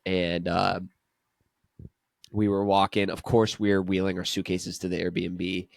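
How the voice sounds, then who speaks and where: Male podcast host with a very deep, even voice, casual and chatty, dry booth sound. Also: a little slow, gravelly, no echo. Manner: relaxed, chatty, laughs often. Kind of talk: casual travel storytelling.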